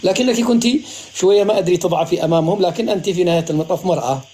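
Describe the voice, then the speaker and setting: A man from Morocco hosts a live stream, advising and reassuring his guest in a quick, fairly high voice. Faint background noise sits under his words. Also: mellow. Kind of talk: casual live-stream chat.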